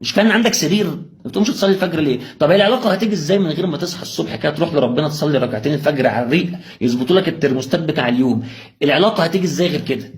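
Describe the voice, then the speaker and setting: A man's voice: fairly high pitch, very fast. A young man with an Egyptian accent gives an impassioned motivational religious talk, firing rhetorical questions straight at the listener. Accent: Egyptian Arabic. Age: young adult.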